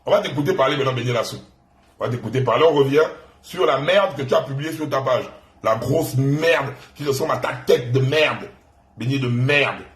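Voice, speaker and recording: A man's voice: medium pitch, reverberant. A man with a Gabonese French accent hosting an online live stream, taunting and insulting a rival in a mocking, repetitive rant.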